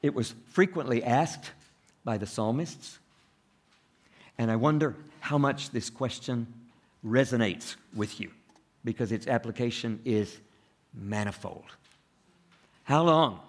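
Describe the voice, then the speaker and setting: A man's voice: measured pace, pauses often. Preacher man with rising, quizzing refrains. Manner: rhetorical, rising for quoted laments, dropping low and soft between; chuckles softly, asks the listeners questions. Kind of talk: sermon.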